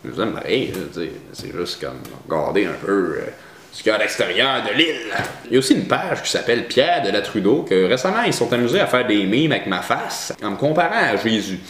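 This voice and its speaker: A man's voice: fairly low pitch, sing-song, brisk, a bit bright, echoey room, slight background noise. A young man with a Québécois joual accent ranting casually to camera, rambling with many restarts. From Abitibi, Quebec. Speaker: vlogger. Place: house, visiting his mother.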